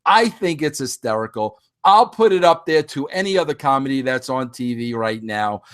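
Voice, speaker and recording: Speaking straight to his audience, a podcast host in his fifties delivers a relaxed solo monologue with a mid-range, expressive voice at an ordinary pace. He's lively but tends to drift and start sentences over.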